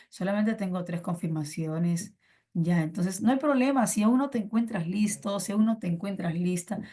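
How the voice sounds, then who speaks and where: A woman's voice: mid-range voice, warm tone. A woman teaching an online class in Peruvian Spanish, playful and coaxing, repeating her phrases as she talks to students over a computer mic.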